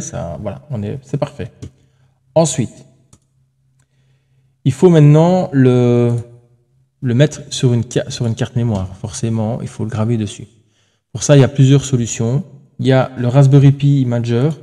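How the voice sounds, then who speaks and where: A man's voice: mid-range voice, dark tone. A man hosting a tech tutorial, talking casually through each step on screen, thinking aloud with fillers and self-corrections.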